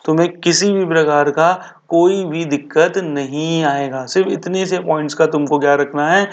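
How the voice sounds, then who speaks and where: Man, chemistry teacher, exam revision lecture, asks and answers his own questions, slow repeated key words. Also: a little high, muffled recording. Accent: Hindi-speaking Indian. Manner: rhetorical questions answered himself; addresses students as beta and bhaiya.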